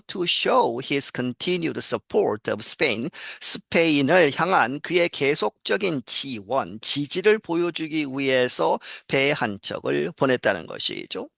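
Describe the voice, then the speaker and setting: Slow, gravelly-voiced man teaching. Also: mid-range voice, a bit bright, no echo, clean studio sound. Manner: reads English lines slowly, then explains in Korean with many fillers. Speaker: English teacher. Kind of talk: lecture translating an English news text.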